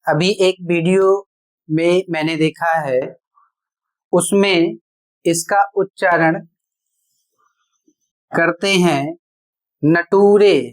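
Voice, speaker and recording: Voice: mid-range voice, steady tone, takes it slowly, pauses often. A teacher giving a spoken pronunciation lesson, spelling words out letter by letter and explaining each rule step by step with rhetorical questions. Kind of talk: classroom-style spoken lesson.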